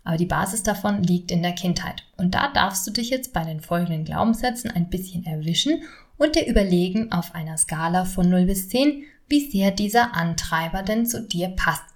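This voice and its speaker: Speaking at a moderate pace with a fairly low pitch and lively intonation, a woman hosts her own podcast on stress. She's a stress coach who talks to the listener directly and warmly, offering exercises along the way.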